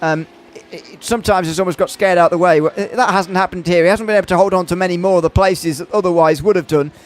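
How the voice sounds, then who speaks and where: A man's voice: high voice, fairly even intonation, quick pace. A man commentating on a motor race, hesitant with many fillers and restarts.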